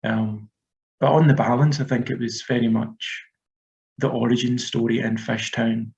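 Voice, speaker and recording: A Scottish author in his thirties talks through his writing in a casual interview, rambling hesitantly and using lots of fillers. His mid-range voice is darkish and has vocal fry, with little pitch movement and a normal speed. The lo-fi audio sounds dull.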